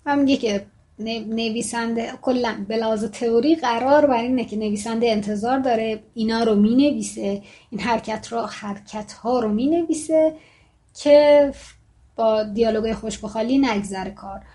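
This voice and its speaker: Her voice is a little high and warm as she teaches fiction writing. She explains things in a casual way, then shifts to a more formal tone when reading excerpts aloud.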